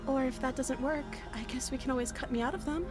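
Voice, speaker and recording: An actress playing a captive young princess in a video game, in a sweet, girlish cartoon-princess manner with an eerie calm. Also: sits high, fast talker, close to an everyday voice. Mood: calm, suggesting. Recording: game music behind the voice.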